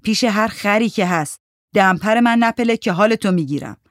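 A woman's voice: mid-range voice, lively intonation, dry recording, clean studio sound, pitched above the performer's own voice, close to an everyday voice. A woman voicing a scornful, tough young woman smoker who talks in blunt, sneering street speech.

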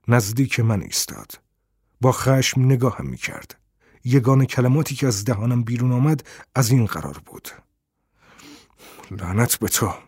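A man narrating a first-person detective novel in a steady storytelling manner. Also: medium pitch, slightly rough, dry recording, clean studio sound. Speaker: audiobook narrator.

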